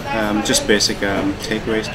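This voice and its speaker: A man's voice: on the low side, moderate pace, rough recording. A man, a head chef who grew up in Donegal after being born in Hong Kong, chatting easily in an interview and filling his talk with "you know". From born in Hong Kong, raised in Donegal, Ireland. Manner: relaxed, full of "you know" and "um". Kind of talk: casual interview. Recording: crowd chatter behind.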